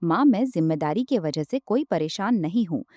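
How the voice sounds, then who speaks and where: A woman's voice: on the low side, expressive, normal speed, darkish tone, no room sound, natural voice. A woman voicing an earnest young son in a story. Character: young man, dutiful son under strain.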